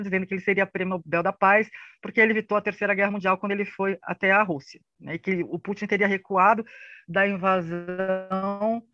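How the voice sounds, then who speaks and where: A man with a Brazilian accent presents on disinformation as a panelist, giving an informal lecture with slides during an online debate, a live session recorded for a podcast. His voice sits high, with a bright, forceful tone. He teaches in a conversational way, often adding tag questions, and the recording is dry and lo-fi.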